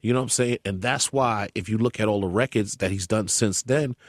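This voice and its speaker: A man recounts a story in an interview, his voice climbing high whenever he gets heated. He is emphatic and quotes other people as he goes. The sound is dry and close. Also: a little fast, no echo.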